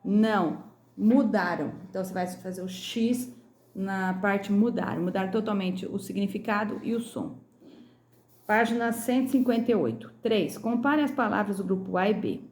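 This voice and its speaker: A Brazilian woman teaching young children, speaking slowly and sounding out each syllable. Her voice sits at an ordinary pitch. The room around her is echoey. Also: a little mellow. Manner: slow, clear, syllable by syllable. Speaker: primary school teacher. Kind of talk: recorded lesson correcting a workbook.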